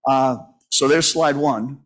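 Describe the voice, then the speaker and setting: In a conference session room, a Minnesota funeral home owner in his sixties talks slowly in a mid-range, fairly bright voice with fairly even intonation. His folksy, rambling conference talk is storytelling peppered with fillers and restarts.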